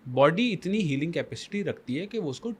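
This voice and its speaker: A man's voice: fairly high pitch, lively intonation, a little fast, slightly rough. A man as the guest life coach on a podcast, explaining emphatically with rhetorical questions and mixing Hindi with English phrases. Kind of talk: podcast conversation.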